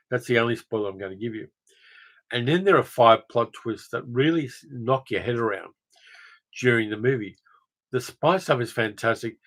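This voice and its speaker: A man hosting a film channel livestream, reading out viewer comments and answering them in a loose, rambling way. He fills the gaps with ums and uhs, and his voice sits at an ordinary middle pitch. It sounds like a relaxed home stream. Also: rough recording. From Australia. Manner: rambling, conversational, frequent fillers.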